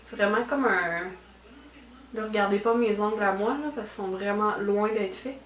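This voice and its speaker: A woman's voice: medium pitch, normal speed, fairly bright tone, a little hiss or hum. A young woman with a Quebec French accent chatting casually through a beauty unboxing at home, with lots of fillers and trailing "là". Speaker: beauty vlogger. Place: at home indoors. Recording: echoey room.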